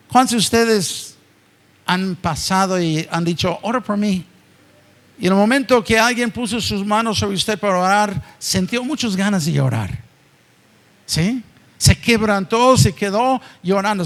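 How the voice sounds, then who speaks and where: A man preaching a sermon in a church, often asking the congregation rhetorical questions and acting out quoted voices. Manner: acts out quoted voices with sharp pitch jumps. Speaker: pastor.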